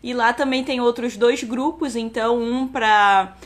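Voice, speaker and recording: A woman in her thirties from Rio de Janeiro, Brazil, an enologist with a Carioca Brazilian Portuguese accent, chats casually on a live stream. Her fairly high voice is steady and unhurried, and she pads her talk with many "né" and "tá" fillers and restarts.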